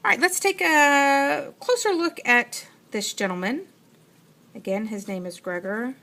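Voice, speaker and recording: Bright-voiced woman teaching a science lesson. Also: high voice, measured pace, creaky. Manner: patient, explanatory, thinks aloud while writing. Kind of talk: classroom lecture.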